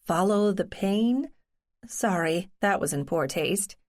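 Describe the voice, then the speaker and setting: A woman's voice: medium pitch, expressive, slow. Cozy mystery narrator voicing a concerned, questioning woman companion. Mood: concerned, dry. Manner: inquiring, gently concerned.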